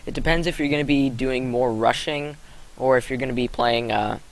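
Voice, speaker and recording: A man's voice: medium pitch, normal speed, low-quality recording. A young man giving casual gameplay commentary, rambling with fillers and correcting himself as he goes. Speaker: gaming commentator.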